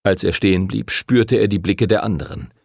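Male storybook narrator, gravelly and dry, lively intonation. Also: lowish voice, moderate pace, dry recording. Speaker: audiobook narrator. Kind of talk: scripted narration.

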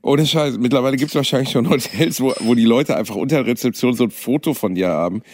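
A man's voice: medium pitch, fast, darkish tone, slight background noise. A man co-hosting a comedy podcast, chatting casually with a dry, ironic, teasing manner. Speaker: podcast co-host. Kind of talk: casual chat.

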